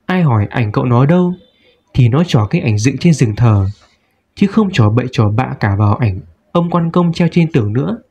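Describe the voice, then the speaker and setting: A man reading a short story aloud in a calm storytelling manner. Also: mid-range voice, normal speed. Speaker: story reader. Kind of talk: audiobook narration. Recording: dull lo-fi recording.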